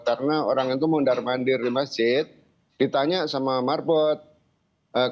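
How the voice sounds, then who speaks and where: An older man giving an account in an interview, speaking informally and haltingly with repeated phrases. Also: medium pitch. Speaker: interviewee, grandfather of a missing child. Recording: dull lo-fi sound.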